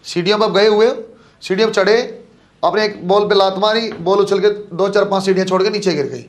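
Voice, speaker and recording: A man's voice: high-pitched, fast talker. A man teaching physics to exam students, calling them beta and bachhon and asking and answering his own questions. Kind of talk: classroom lecture.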